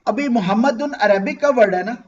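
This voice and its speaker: High-voiced man teaching on a call. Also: moderate pace, muffled recording. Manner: patient, asks students questions and checks understanding. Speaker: Arabic grammar teacher. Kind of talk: online interactive class.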